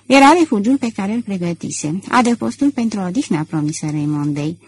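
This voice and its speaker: Brief: female audiobook narrator, breathy timbre, measured scripted narration. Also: mid-range voice, lively intonation, darkish tone. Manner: measured storytelling.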